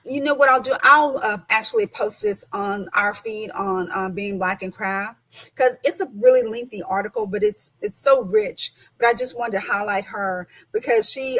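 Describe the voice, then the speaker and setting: A chatty woman hosts a casual live-streamed interview, her talk full of restarts and easy laughter. She speaks at an ordinary mid pitch over a video call connection. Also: a bit bright, low-quality recording. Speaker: host.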